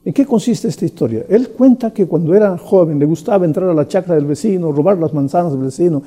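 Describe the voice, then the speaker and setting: A man's voice: high voice, fast, dark tone, breathy edge. A man preaching a sermon in an earnest, explanatory way, speaking directly to the listener.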